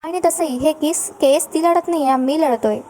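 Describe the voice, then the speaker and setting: A woman voicing a calm, firm young male lawyer speaking matter-of-factly. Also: high voice, moderate pace, a little hiss or hum, lightly acted.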